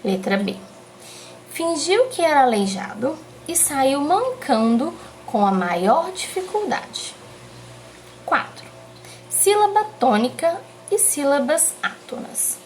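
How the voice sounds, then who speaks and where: A woman with a Brazilian Portuguese accent walks pupils through a lesson in a high, bouncy voice. She explains patiently and slows down to stress key syllables. A faint hiss of noise sits under her voice. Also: big pitch swings. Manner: slow, emphatic explaining, stretching out key syllables. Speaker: teacher. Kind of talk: remote classroom lesson.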